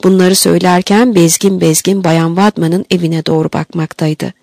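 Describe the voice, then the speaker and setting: A woman narrating a classic novel aloud in a measured, even storytelling manner. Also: lowish voice, vocal fry, dry recording. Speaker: audiobook narrator. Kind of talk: scripted literary narration.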